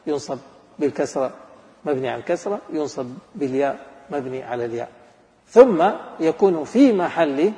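A man's voice: fairly high pitch, dark tone, in a large hall. A man teaching an Arabic grammar lesson, asking his students questions and then answering them himself. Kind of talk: classroom lesson.

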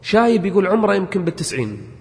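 High-voiced impassioned preacher. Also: male voice, very animated, very fast. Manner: impassioned, repeats phrases and builds to forceful exhortation. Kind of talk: sermon with retold stories. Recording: long reverb of a large hall.

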